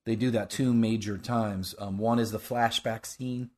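Low-voiced man chatting enthusiastically. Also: fairly even intonation, darkish tone. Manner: halting, enthusiastic. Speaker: podcast host. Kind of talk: casual TV discussion podcast.

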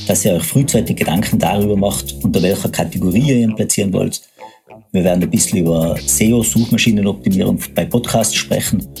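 A man from Tyrol, Austria, with a Tyrolean German accent hosts a solo podcast and explains things step by step in an informal way. He co-founded an agency, and his fairly low voice is a little mellow.

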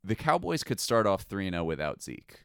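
A man's voice: deep voice, fairly quick, vocal fry, clean tone, no echo, clean studio sound. A man co-hosting a casual sports podcast, arguing his points with energy and the odd swear word. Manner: animated, argumentative, swears casually. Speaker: podcast co-host.

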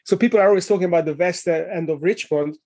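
A middle-aged man with a Hungarian accent, a leadership coach and author, answers interview questions as a guest, thoughtful but full of fillers and restarts. His voice is high-pitched with a darkish tone, and he talks fast.

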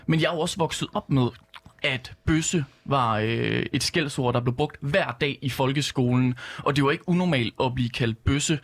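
A man with a slightly hoarse voice, speaking earnestly in a political panel debate with many fillers. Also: mid-range voice. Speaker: youth politician.

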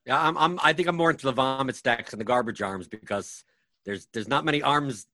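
A man's voice: mid-range voice, a little fast, sharp tone, no echo. A man co-hosting a sports podcast, giving casual, conversational analysis. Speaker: fantasy sports podcast co-host.

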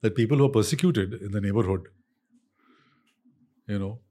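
An older man with a North Indian accent and a husky voice, explaining conversationally and emphatically, repeating points and slipping into Hindi phrases. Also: fairly low pitch, moderate pace, warm tone. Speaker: interview guest, author on history.

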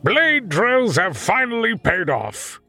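A man's voice: high-pitched, wildly swooping pitch, slow, vocal fry, bright, forceful tone, no room sound, soft background music, pitched above the performer's own voice, full character voice. A man voicing a fussy, plaintive older nobleman in a storybook reading.

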